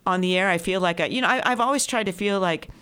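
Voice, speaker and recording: A woman's voice: medium pitch, quick pace, pushed and bright, clear, resonant tone. A middle-aged woman, a classical music radio host, talking in a chatty, rambling way with many fillers during an interview in a radio studio. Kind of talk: interview conversation.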